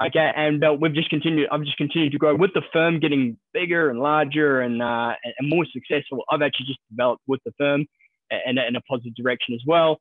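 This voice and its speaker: His voice sits on the high side with fairly even intonation: a man from New Zealand, a stockbroker, talking in a casual podcast interview. He's quick and cheerful and tends to repeat words when he starts a sentence. The sound has no echo but comes through narrow and tinny.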